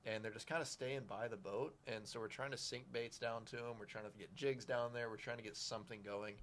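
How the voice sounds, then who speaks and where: A man with an American accent telling excitable fishing stories in casual chat. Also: fairly low pitch, a little hiss or hum. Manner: fast, excitable storytelling. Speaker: fishing guide.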